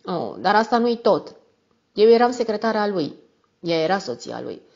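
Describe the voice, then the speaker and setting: A woman's voice: mid-range voice, sing-song, creaky, darkish tone. Woman reading a shy scared young secretary, nervous, lo-fi. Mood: anxious. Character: timid frightened young secretary.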